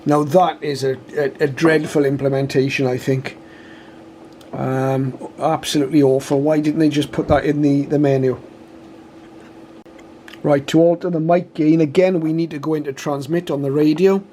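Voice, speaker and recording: Slight background noise accompanies a British man whose fairly high voice has a dark tone. As a radio reviewer and demonstrator, he shows off a product informally and plainly, one methodical step at a time.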